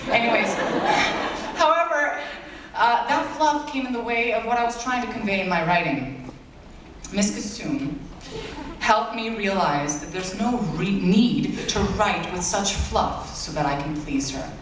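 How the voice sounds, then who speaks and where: A late-teen Bulgarian-speaking valedictorian gives his graduation speech in a large school auditorium, his high, expressive, slightly bright voice moving at a measured pace. He's earnest and self-deprecating, tossing in playful asides. An audience camera far back catches him, so the hall echoes heavily and a faint hiss or hum runs underneath.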